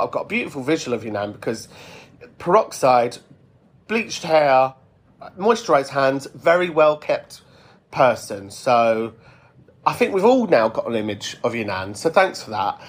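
Man, British accent, medium pitch, casual podcast host, chatty, reflective. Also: breathy edge. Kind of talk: casual chatty monologue answering listener messages.

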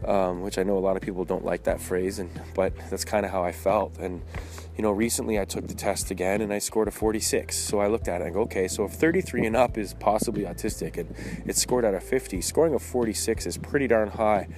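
A man's voice: lowish voice, fairly even intonation, fast, a little mellow, faint music behind. A man talking while walking outdoors, giving a candid, rambling personal monologue in a casual way with frequent false starts. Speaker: podcast host. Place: outdoors in the woods, on a walk.

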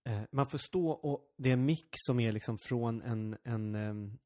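Give me a relaxed male comedian chatting. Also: medium pitch. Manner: reacts with short interjections, breaks into laughter. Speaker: stand-up comedian, podcast co-host. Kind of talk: casual chat.

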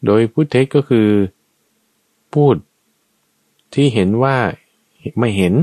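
A man's voice: mid-range voice, takes it slowly, warm tone, no echo. A man teaching Buddhist ethics in a conversational way, going point by point with everyday examples. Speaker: dharma teacher.

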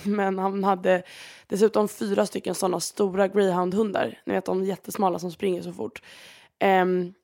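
A woman's voice: medium pitch, gravelly, a little mellow. A woman hosting a podcast, telling stories in a chatty, rambling way with lots of fillers. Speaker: podcast host. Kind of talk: casual storytelling monologue.

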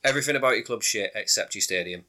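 A man co-hosting a casual sports podcast, chatty and quick to laugh. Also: on the low side, pushed and bright. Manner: chatty, laughs readily, trails off mid-sentence. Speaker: podcast co-host. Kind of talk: casual chat.

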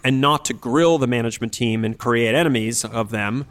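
His voice slightly bright and in the mid-range, this expert podcast host explains with measured, analytical articulacy.

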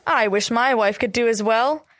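A woman's voice: on the high side, normal speed, a bit bright, no room sound, lightly acted. A woman playing a hearty male dinner guest in an old-time radio-style mystery. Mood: jovial.

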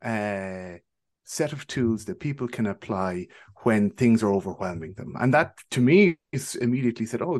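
A man's voice: medium pitch, a little mellow. An Irish man speaking as a podcast guest, explaining his work in a conversational, wry way. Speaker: podcast guest, behavioural specialist. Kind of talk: casual interview talk, explaining.

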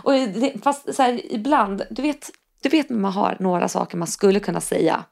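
A woman's voice: medium pitch, fairly even intonation, vocal fry, a little mellow. A Swedish woman co-hosting a podcast, talking casually, swearing freely and acting out the lines of people she quotes. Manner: chatty, swears casually, acts out quoted dialogue. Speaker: podcast co-host. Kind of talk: casual chat.

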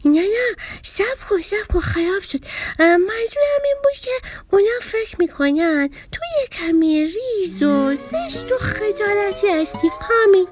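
A high-pitched, scatterbrained little fish from a children's storybook, as a woman plays it. The voice swoops up and down as it rambles and loses track of its words. Faint music plays softly underneath. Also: lively intonation, hardly any pauses. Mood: flustered. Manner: rambling, tongue-tied and easily confused. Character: scatterbrained, flustered young fish schoolkid.

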